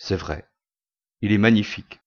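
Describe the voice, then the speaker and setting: A man's voice: fairly low pitch, moderate pace, lightly acted. A man doing an obliging shopkeeper. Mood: matter-of-fact. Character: male shopkeeper in a grey smock. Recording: dull lo-fi recording.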